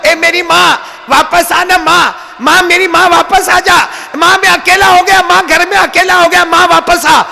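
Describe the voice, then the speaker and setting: A man's voice: very high-pitched, fairly even intonation, unhurried, vocal fry, hardly any pauses, sharp tone, pitched above the performer's own voice, full character voice. A man voicing a grieving son who keeps calling out to his dead mother in a tearful, pleading way. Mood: weeping lament. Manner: tearful pleading, repeating "maa". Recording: long hall reverb.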